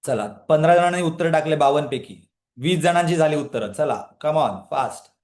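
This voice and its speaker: A trainer speaks at a normal pace in a slightly high voice, and the sound is reverberant. During his live online women's empowerment session, he's energetic and motivational, asks the audience questions, and often turns to the live chat for their answers.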